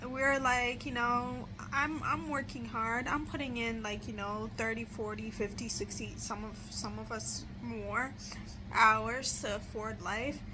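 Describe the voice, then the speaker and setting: A woman's voice: fairly high pitch, steady tone, unhurried, background noise. A woman chatting casually as a vlogger, rambling with lots of filler words, who pronounces her R sounds like W. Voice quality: speech impediment on R sounds, says w for r. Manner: rambling, filler-heavy with "like" and "you know".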